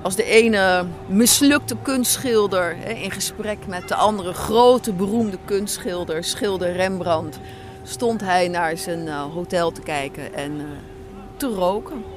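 Medium in pitch and slow in pace, a woman answers interview questions in a reflective, conversational manner, feeling her way toward the words. The guest is a writer and director, recorded outdoors at an Amsterdam café and square where city ambience makes the audio noisy.

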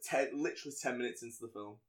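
A man co-hosting a podcast, casually retelling a film in a rambling, animated way. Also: mid-range voice, racing. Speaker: podcast co-host. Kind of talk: casual film recap chat.

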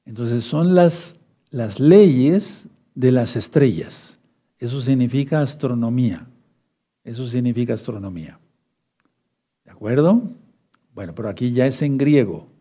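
A man with a mid-range, mellow, slightly rough voice teaches a Bible study sermon, expressive and unhurried. He repeats key points, spells out words, calls his listeners beloved brothers and asks them to take notes.

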